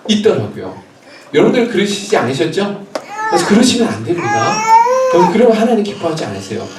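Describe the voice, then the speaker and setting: A male pastor delivering a sermon, lively and loud, shouting out prayers as he tells the story. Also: sits high, noisy background. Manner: animated, shouts and acts out prayers. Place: church sanctuary. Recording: roomy church hall, voice from a distance. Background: congregation reading along.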